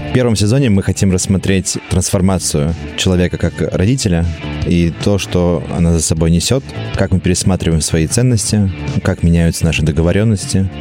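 A man in his thirties presenting his podcast in a calm scripted promo. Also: deep voice, fairly quick, music in the background. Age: 30s. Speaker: podcast host.

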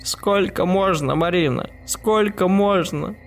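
A man's voice: a little high, animated, moderate pace, faint music behind, voice pushed up, lightly acted. A man doing a crackly old landlady. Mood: frantic pleading. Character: crackly-voiced old woman landlady, fussy and fearful.

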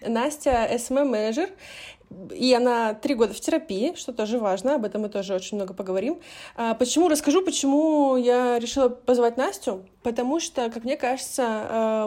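A woman's voice: a little high, mellow. A woman in her late twenties hosting a podcast, chatting casually with many fillers and hesitations. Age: 20s. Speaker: podcast host.

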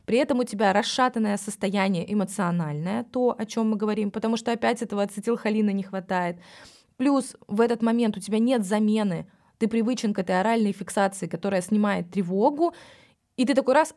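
A woman's voice: medium pitch, quick pace. Frank woman explaining addiction. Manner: lively, addresses listener directly, frank. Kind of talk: explanatory podcast talk.

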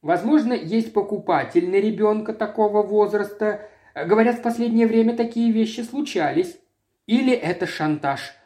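A man's voice: high-pitched, normal speed, dark tone, reverberant, voice pushed up, natural voice. A man voicing a young mother whose baby is missing, composed and matter-of-fact.

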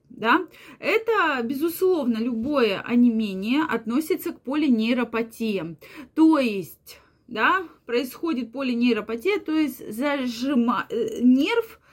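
A woman giving an explanatory health talk to viewers, often adding filler words like "yes" and "that is". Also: on the high side. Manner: frequent fillers and repeated "yes", "that is". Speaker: health adviser.

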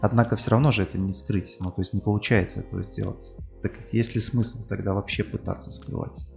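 A man with a low, gravelly voice talks quickly as a podcast co-host, with faint music underneath. He builds a probing question step by step and thinks it through aloud. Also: steady tone. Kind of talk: interview questioning.

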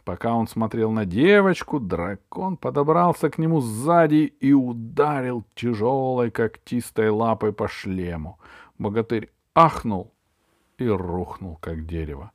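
A man narrating a children's fairy-tale audiobook with steady, even storytelling. His voice sits at a middle pitch. The recording is close and dry with no room sound. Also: unhurried, no echo.

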